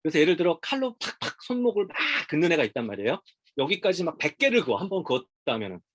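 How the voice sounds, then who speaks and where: A man's voice: on the high side, big pitch swings, fast, a bit bright. Man, middle-aged, hospital counselor, casual parent lecture, conversational, acts out quotes.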